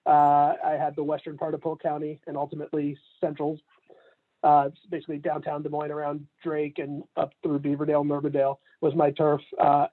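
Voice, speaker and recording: This campaign manager, around forty, comes from Canada and was raised in Atlanta. In a casual remote interview he stays relaxed, laughing frequently between points and using many fillers, his slightly high voice coming through at phone quality.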